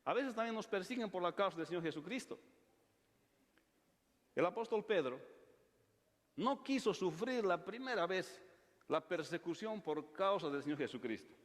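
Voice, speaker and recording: A man's voice: sits high, expressive, moderate pace, pauses often. A man preaching a sermon as pastor, retelling scenes dramatically. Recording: long church reverb.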